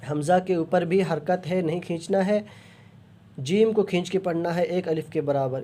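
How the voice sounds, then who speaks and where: A man teaches reading in a high, mellow voice. He spells out each syllable, stretches the practice words slowly, and races through the rules in between. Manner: spells syllables one by one, then draws out model words slowly; rapid explanations between drawn-out examples. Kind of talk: spelling-out recitation lesson.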